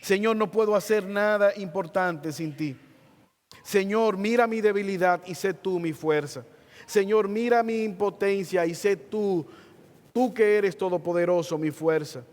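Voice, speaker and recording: A man who is a pastor, preaching a sermon slowly and earnestly and then leading a prayer, stretching out key words. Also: high-pitched, darkish tone, in a large hall. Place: church.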